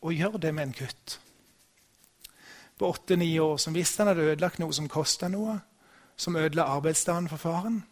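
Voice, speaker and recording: A middle-aged man preaching a sermon, telling a personal story in a relaxed, conversational way with frequent restarts. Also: a little high, pauses often. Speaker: pastor.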